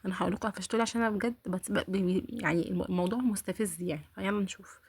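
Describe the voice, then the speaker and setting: A woman's voice: medium pitch, steady tone, rapid-fire, darkish tone, a little hiss or hum. A woman with an Egyptian accent hosting a reaction video, mocking what she watches and talking straight to her viewers. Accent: Egyptian Arabic. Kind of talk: casual reaction commentary.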